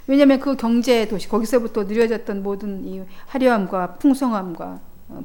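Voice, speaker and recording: A woman's voice: on the high side, darkish tone. A woman pastor preaching a sermon in a church, emphatic and swelling then dropping in volume.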